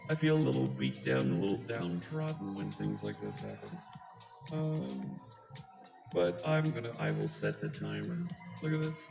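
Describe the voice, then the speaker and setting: A live coding streamer talking through a voice changer that shifts the voice deep, chatting casually with a wry, self-deprecating manner. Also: gravelly. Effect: deep pitch-shifting voice changer. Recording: roomy sound with music behind. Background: background music.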